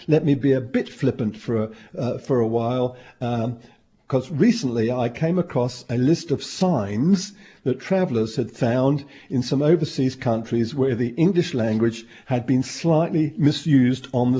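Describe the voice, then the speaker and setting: A hoarse man in chatty radio talk, wry and clearing his throat now and then. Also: medium pitch, animated, unhurried, dark tone, lo-fi sound. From Australia. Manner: chatty, wry, reads out items.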